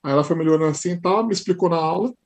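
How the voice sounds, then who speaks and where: A man from Brazil with a São Paulo Portuguese accent, a podcast guest telling stories in a lively casual way with frequent tag questions. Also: on the high side, very fast. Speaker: podcast guest, high school teacher. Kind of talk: casual interview storytelling.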